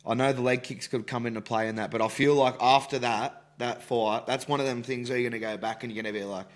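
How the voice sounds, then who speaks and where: Young aussie guy, middling pitch, blokey casual sports talk, swears heaps. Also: fairly even intonation, quick pace. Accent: Australian. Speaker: fight prediction podcast host.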